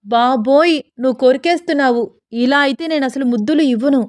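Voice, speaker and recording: A woman's voice: high voice, fairly quick, no room sound, studio quality, voice pushed up, close to an everyday voice. A woman voicing a shy, nervous young newlywed wife who sounds coy and pleading.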